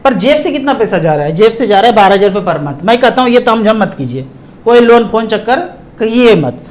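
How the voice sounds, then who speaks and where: A middle-aged man from India explaining investing to viewers, emphatic, slowing down and breaking words apart for stress. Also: sits high, sing-song. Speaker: mutual fund distributor.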